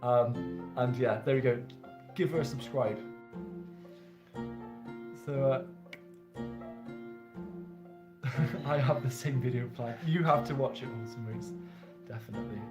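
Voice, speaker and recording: A man's voice: mid-range voice, unhurried, long pauses, roomy sound, over music. A young man hosting a casual live-stream chat, chatty and rambling with lots of enthusiasm. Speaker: host.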